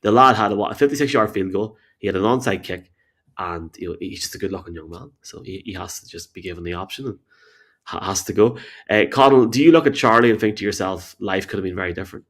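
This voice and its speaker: A man's voice: lowish voice, fast talker. An Irish man hosting a sports podcast in casual, conversational style. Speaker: podcast host.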